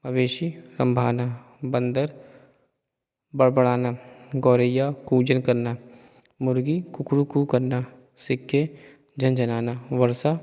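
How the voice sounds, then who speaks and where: Male teacher reading vocabulary pairs slowly, reverberant room. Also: medium pitch, darkish tone. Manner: reads word pairs one by one with pauses. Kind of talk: slow reading of vocabulary lists for a lesson.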